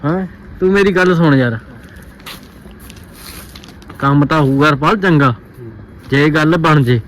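High-voiced cocky young Punjabi man. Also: measured pace, a bit bright, slight background noise, poor audio. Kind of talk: casual joking chat.

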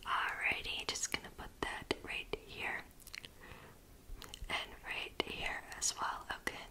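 Fast whispering young woman, chaotic mean-girl ASMR. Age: young adult. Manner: fast, chaotic, repeats words in rapid strings. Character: sassy, condescending mean girl doing a friend's makeup. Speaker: ASMR performer. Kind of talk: whispered role-play. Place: small room indoors.

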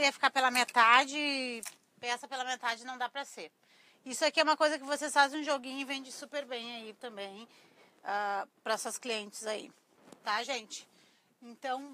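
A woman's voice: high-pitched, bright, forceful tone. A middle-aged Brazilian woman with a thin, reedy, cracked voice, chatting informally to viewers as she teaches a live craft class. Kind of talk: casual live-stream tutorial chat. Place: small cluttered craft workshop indoors. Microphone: clip-on lapel mic.

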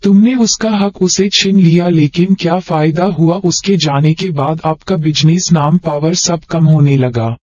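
A man reading the part of an angry, proud mother who runs a wealthy household, scolding in a sharp tone. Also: a little high, unhurried, hardly any pauses, dry recording. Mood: bitter. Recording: dry, dull lo-fi.

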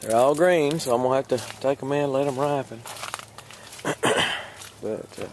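Chuckling often and filling gaps with hesitations, a man from Texas vlogs a casual outdoor garden tour. His medium, slightly mellow voice moves at normal speed, captured by a handheld camera with slight background noise.

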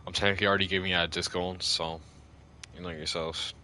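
A man with a low, forceful voice, audibly drunk, talking on a game stream. He rambles crudely and swears freely. There is some background noise with game ambience behind him. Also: flat delivery, quick pace. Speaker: live streamer playing a video game. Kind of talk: casual game-stream chat.

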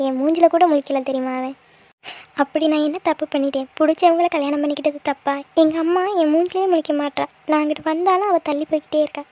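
A woman's voice: high voice, flat delivery, fast talker, a little mellow. A woman voicing a tearful middle-aged aunt. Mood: grieving. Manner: sorrowful, pleading complaints. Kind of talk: cartoon voice acting.

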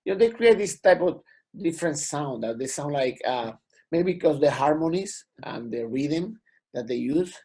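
A man's voice: fairly high pitch, lively intonation, moderate pace, mellow, slightly rough. A middle-aged man from Puerto Rico with a Puerto Rican accent in English, a guest musician rambling casually on a video call. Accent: Puerto Rican Spanish-accented English. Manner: rambling, many "you know" fillers.

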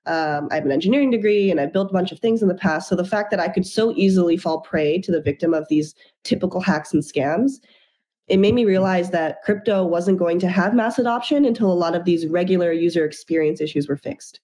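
A woman's voice: lowish voice, fairly quick, dark tone. Upbeat woman founder on a video call. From Japan and the United States. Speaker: startup founder, guest. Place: indoor room at home. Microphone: video call webcam.

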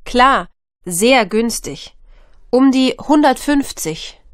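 A woman's voice: fairly high pitch, lively intonation, no room sound. An actress playing a woman selling a washing machine in a scripted textbook dialogue recorded in a studio. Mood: persuasive selling. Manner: slow, clear speech. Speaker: seller.

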